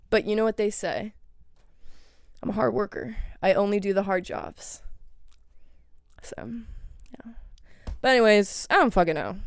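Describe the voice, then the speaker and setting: A woman's voice: mid-range voice, no echo, clean studio sound. A young woman hosting a casual solo podcast, rambling in a playful way and swearing freely. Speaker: podcast host.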